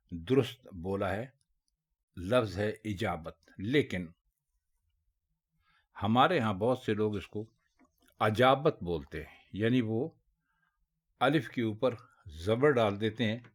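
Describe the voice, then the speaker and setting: A man with a lowish voice teaches Urdu pronunciation one word at a time. He speaks very slowly and deliberately, stressing each correct form. The tone stays patient and instructive throughout. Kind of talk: spoken word lesson.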